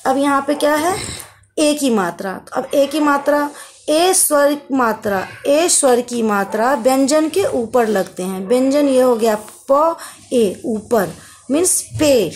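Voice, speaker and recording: A woman's voice: sits high, expressive, a little mellow, slight background noise. A woman teaching a children's Hindi lesson, patiently sounding out syllables and stretching the vowel sounds. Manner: patient, drawn-out sounding of syllables, calls listeners beta. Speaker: primary school teacher.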